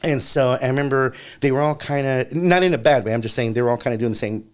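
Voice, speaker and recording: In a casual interview, an actor rattles off a long anecdote packed with "you know" fillers, animatedly acting out the voices of the people he quotes. He talks fast in a clear, resonant, mid-range voice.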